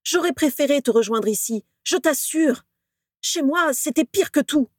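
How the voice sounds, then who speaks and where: A woman's voice: high-pitched, lively intonation, unhurried, no room sound, clean studio sound, voice pushed up. A woman voicing an earnest young male wizard student who pleads and insists, conciliatory but exasperated. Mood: pleading.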